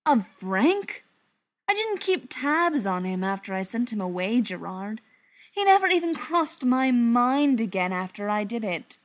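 A woman's voice: medium pitch, steady tone, slow pace, hardly any pauses, a little mellow. A woman voicing a tense, bitter male vampire leader who speaks curtly. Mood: bitter defensive. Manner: curt, through gritted teeth.

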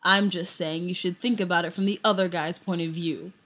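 A woman voicing a big gentle giant. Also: lowish voice, fairly even intonation, fairly quick. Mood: grim. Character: huge bearded gentle male half-giant traveler. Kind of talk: amateur audio drama reading.

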